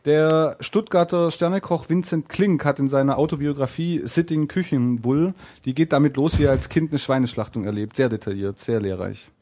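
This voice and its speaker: A man's voice: a little high, normal speed, few pauses, mellow. A man in his thirties, a podcast host, reads a fairy tale aloud in a casual chat and breaks off for playful asides.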